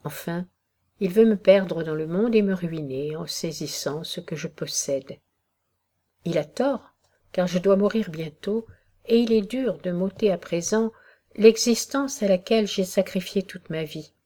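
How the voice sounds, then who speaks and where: A sad, proud noblewoman past her youth speaks in a gloomy, resigned tone, as a woman reads her in an audiobook. The voice is soft and mellow, with a warm, dark color. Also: lowish voice, unhurried. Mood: weary. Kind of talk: audiobook reading of a classic novel.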